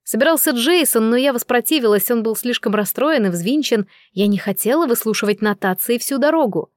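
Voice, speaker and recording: A woman's voice: on the high side, lively intonation, a little fast, no room sound. Woman narrating a novel, dry close sound. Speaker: audiobook narrator. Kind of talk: first-person novel narration.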